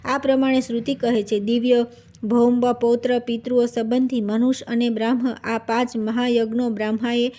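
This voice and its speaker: A woman reading an old devotional scripture aloud as steady narration, with small slips now and then. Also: fairly high pitch, normal speed. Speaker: scripture reader.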